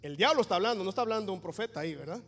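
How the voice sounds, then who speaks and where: A man preaching a Pentecostal sermon as pastor, animated, with joking asides and loud proclamations. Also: high-pitched, very fast, faint music behind. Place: church. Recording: reverberant church hall.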